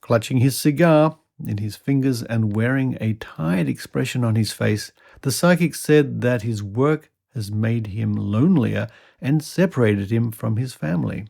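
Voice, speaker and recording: A man's voice: mid-range voice, a little slow, gravelly, darkish tone. A man hosting a podcast, reading an old news article aloud and dropping in wry little asides. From Australia. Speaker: podcast host.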